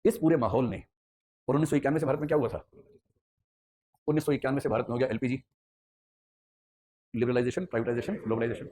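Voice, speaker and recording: A man's voice: medium pitch, fast, long pauses, warm tone. A man teaching an ethics class, telling a story with playful asides in a classroom lecture.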